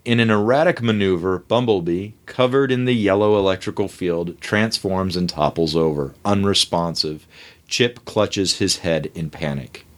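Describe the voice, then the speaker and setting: A man hosting and narrating, reading the panel directions of a comic script aloud briskly. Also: low voice. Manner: brisk, reads panel directions, laughs between lines. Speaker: host and narrator.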